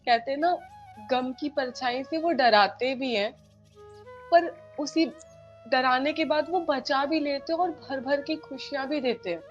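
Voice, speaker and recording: A young woman from India, a guest on a podcast, tells a personal story with strong feeling. Her voice sits a little high, and she keeps repeating phrases and acting out what each person said. The sound is dull and lo-fi, with faint music underneath. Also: unhurried. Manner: animated retelling, acts out dialogue, repeats phrases. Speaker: guest devotee. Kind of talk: emotional storytelling in a podcast interview.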